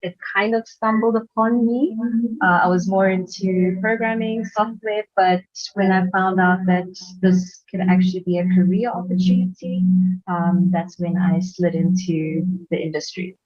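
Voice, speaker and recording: A woman with a fairly low voice speaks hesitantly, with many fillers, as she introduces herself on a panel call. The audio is muffled and lo-fi, as over a weak video call line. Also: flat delivery, measured pace. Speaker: game design lecturer. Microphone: video call with camera off.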